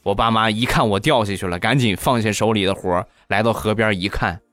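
A man hosting a comedy podcast, telling funny stories in an animated way and acting out each character. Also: lowish voice, fairly quick, no echo, soft background music. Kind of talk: comic storytelling.

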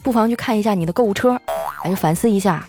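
Animated woman telling comic stories. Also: medium pitch, fast, faint music behind. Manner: animated storytelling, acting out quoted lines in raised voices. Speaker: comedy radio host. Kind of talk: scripted comic monologue.

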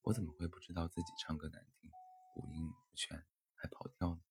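A man's voice: low-pitched, completely flat delivery, fairly quick, creaky, music in the background. A man doing a shy lovesick crow. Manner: soft, bashful, self-doubting.

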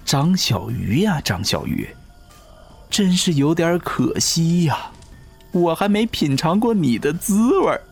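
Audio drama villain: a man plays an undying seducer, husky, slow, mocking, pitch swinging wildly. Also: very animated, faint music behind, full character voice. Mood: gloating. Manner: sneering, mocking, slow and drawn out. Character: ageless male river-god servant, cruel gloating seducer.

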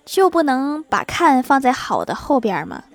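A woman with a somewhat high voice narrates a string of short comic anecdotes. She reads them in a storytelling way and chuckles softly when a punchline lands. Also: sing-song, moderate pace, slight background noise. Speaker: joke narrator.

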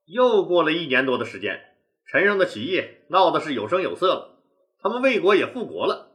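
A male storyteller narrates history in a colloquial, vivid way. His voice sits high and bright, and his pitch moves a lot. The telling stays casual and full of color. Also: very animated, brisk.

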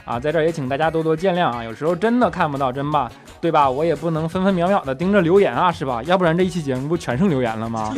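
A man hosts a comedic show, reading listener comments aloud and teasing them with quick comebacks. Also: fairly high pitch.

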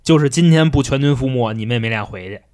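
A man retelling a classic tale in casual chat, lively and full of sound effects. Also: medium pitch, fast talker. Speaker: podcast storyteller.

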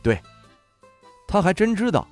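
Low guy reading a web novel aloud, wry and lively, faint music underneath. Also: fairly quick. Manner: wry, expressive storytelling. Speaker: audiobook narrator. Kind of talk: first-person novel narration.

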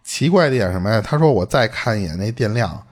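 Man, podcast host, spooky storytelling, fast talker, lively swooping pitch. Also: breathy edge. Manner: animated, swearing, acts out quoted speech. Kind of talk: casual storytelling chat.

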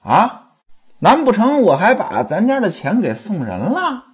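Storyteller playing a scolding wife: indignant and shrill, with a lively, husky delivery. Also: unhurried, full character voice. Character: scolding sharp-tongued young wife. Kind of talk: traditional storytelling voice.

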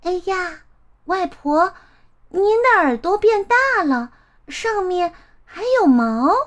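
An innocent little girl in a storybook talks in a high, earnest, childlike voice, acted by a woman. Her pitch rises and falls in lively swoops. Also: takes it slowly, heavily acted. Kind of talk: storybook voice acting.

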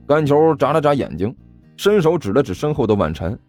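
Animated male audiobook narrator, very expressive pitch, soft music underneath. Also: brisk. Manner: lively, expressive storytelling. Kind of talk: storytelling narration.

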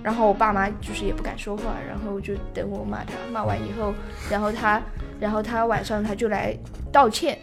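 A woman in her twenties in casual chat, telling a family story in an animated way and acting out what was said. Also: medium pitch, a little fast, gravelly. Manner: animated storyteller who acts out quoted lines. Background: music playing underneath.

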